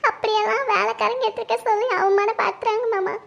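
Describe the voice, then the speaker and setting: A woman's voice: extremely high pitch, steady tone, quick pace, creaky, a bit bright, full character voice. A woman playing a young wife who pleads tearfully with her husband about her mother-in-law. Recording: dull lo-fi recording.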